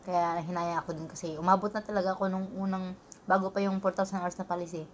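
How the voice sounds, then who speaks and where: A woman's voice: fairly low pitch, level tone, quick pace, slight background noise. Woman chatting with her mouth full. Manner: chatty, addresses viewers as guys. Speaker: vlogger. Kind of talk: casual mukbang chat.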